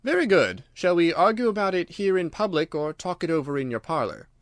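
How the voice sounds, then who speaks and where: Man voicing Sherlock Holmes, cool and commanding, raised pitch. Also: sing-song, brisk, no echo, studio quality. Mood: suave. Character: cool, commanding male detective, sharp and self-assured. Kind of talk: dramatised storybook reading.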